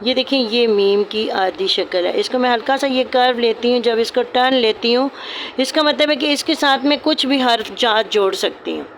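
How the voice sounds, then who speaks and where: A woman's voice: on the high side, moderate pace, slight background noise. Patient woman teaching calligraphy. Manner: patient, repeats points, calls students "beta". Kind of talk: step-by-step lesson narration.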